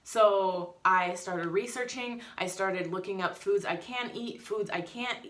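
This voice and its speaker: A woman's voice: medium pitch, a little slow. A woman vlogging in a casual storytelling way, frank and outspoken, acting out what people said. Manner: frank and outspoken, swears freely; animated, acts out quotes. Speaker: family vlogger.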